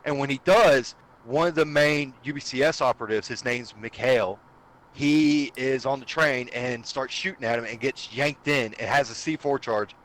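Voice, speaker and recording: A man's voice: mid-range voice, normal speed, fairly bright tone, poor audio. A man guesting on a casual podcast, talking eagerly and explaining things at length. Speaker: guest streamer.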